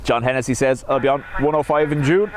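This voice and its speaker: Fast and steady in a mid-range voice, a livestream host reads viewer comments and jokes around, often at his own expense. He's outdoors in a van beside an airport, speaking into a wireless microphone fitted with a wind filter, with wind noise audible on the recording.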